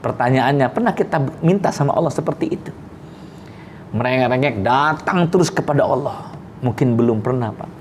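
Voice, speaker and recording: A male preacher telling a story in a sermon, turning to his listeners and often rising high and loud at its peaks. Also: animated, brisk, a little hiss or hum. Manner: addresses listeners directly, with frequent asides.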